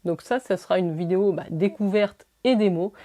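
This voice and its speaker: A woman's voice: fairly low pitch, fairly quick, mellow. A French woman beauty vlogger chatting through a product review, enthusiastic, with many fillers and restarts.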